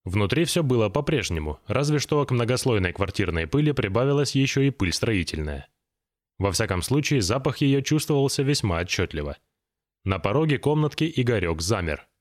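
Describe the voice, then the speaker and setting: A man narrating an audiobook in a measured, expressive reading. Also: medium pitch.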